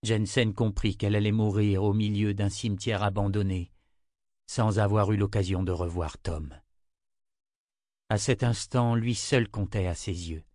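Male audiobook narrator, low-ish voice, measured delivery, dry close mic. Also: steady tone, darkish tone, dry recording.

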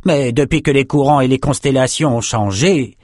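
A man's voice: mid-range voice, moderate pace, a little mellow, dry recording, voice pushed up, lightly acted. A man narrating a story voices a dry, ironic ship captain. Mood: wry. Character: wry male ship captain.

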